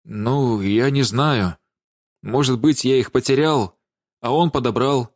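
A man's voice: medium pitch, takes it slowly, dry recording, clean studio sound. Man playing a whining, cowardly liar. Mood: flustered. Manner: whining, stammering, pleading. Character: cowardly, lying young man, pleading and bleating.

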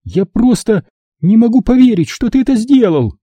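A man's voice: sits high, very animated, normal speed, dark tone, slightly rough, dry recording, pitched above the performer's own voice, heavily acted. A man voicing an angry, frightened mother who scolds and pleads with her teenage son in an audiobook. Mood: pleading. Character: frightened angry mother, middle-aged woman. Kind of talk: audiobook reading.

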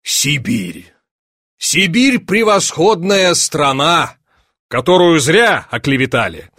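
A man reading an audiobook, voicing a sly police chief who feigns sympathy and teases with drawn-out pauses. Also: fairly high pitch, sing-song, a bit bright, dry recording, studio quality, heavily acted. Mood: mock-sympathetic. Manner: measured, drawn-out teasing pauses.

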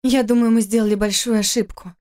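A woman's voice: fairly high pitch, steady tone, quick pace, darkish tone, close to an everyday voice. A woman voicing a hurt young wife. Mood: plaintive.

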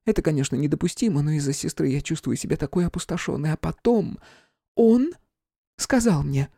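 A man reading an audiobook, voicing a frightened, distraught young female clairvoyant in a high, shrill, pleading voice. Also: fairly quick, creaky, mellow, no echo, clean studio sound.

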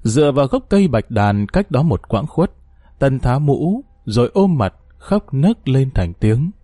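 Man narrating a ghost story, dark dry voice. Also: mid-range voice, sing-song, unhurried, no room sound.

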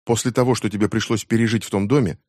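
A man voicing a tired, worried middle-aged mother who speaks in a soft, strained way. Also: on the low side, steady tone, fast talker, no room sound, clean studio sound, voice pushed up, close to an everyday voice.

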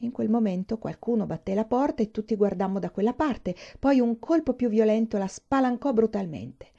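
A woman reading a novel aloud at a steady, measured pace. Her voice is mellow and warm, and the recording is dull and muffled. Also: fairly high pitch, creaky. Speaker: audiobook reader.

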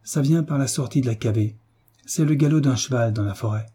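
A man reading the part of a sturdy farmer guiding a lady, steady and respectful. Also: medium pitch, brisk, slightly rough, natural voice. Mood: reassuring. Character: sturdy, calm, dutiful male farmer guide.

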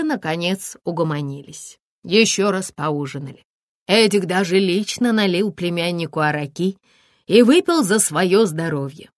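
A woman narrating an audiobook in a measured, expressive reading. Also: on the low side, no room sound, clean studio sound. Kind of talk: scripted narration.

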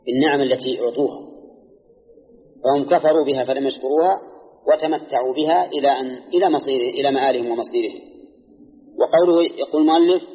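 Najdi sheikh teaching a class, measured and explanatory, dull old tape with hall echo. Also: male voice, medium pitch, warm tone. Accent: Najdi Arabic. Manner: measured, explanatory, quizzes listeners. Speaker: Islamic scholar teaching Quran exegesis. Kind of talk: classroom lecture with questions to students. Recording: dull, echoey archival lecture recording.

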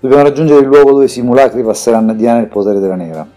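A man voicing a weary old sage in an audiobook, speaking in slow, grave explanations. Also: medium pitch, dark tone, soft background music, close to an everyday voice.

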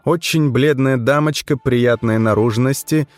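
A man's voice: mid-range voice, a little slow, no room sound. A man narrating an audiobook in a wry storytelling manner. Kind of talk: scripted narration.

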